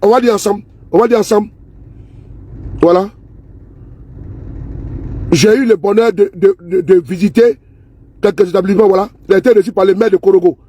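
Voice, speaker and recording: High husky-voiced man ranting to camera. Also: a little fast, long pauses, mellow. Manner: repetitive, scornful, keeps asking viewers "you see?". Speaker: political vlogger. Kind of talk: casual political commentary to camera. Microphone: phone or camera he handles himself.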